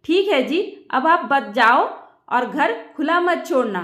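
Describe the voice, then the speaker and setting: Woman doing a smug police inspector brushing someone off, high voice, roomy. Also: lively intonation, takes it slowly, fairly bright tone, exaggerated voice. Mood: mocking. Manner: dismissive, mocking. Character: mocking male police inspector.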